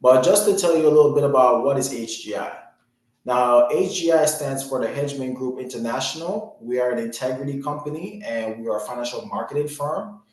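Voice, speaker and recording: A man's voice: medium pitch, fairly quick, a little mellow, heavy reverb, poor audio. A man from Jamaica giving an earnest, motivational financial education talk, with many "you know" fillers. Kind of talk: webinar-style presentation.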